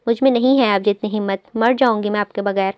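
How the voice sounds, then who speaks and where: A woman reading the part of a gentle young wife who pleads with her husband. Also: medium pitch, steady tone, quick pace, clear, resonant tone, no room sound, dull audio, lightly acted. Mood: pleading.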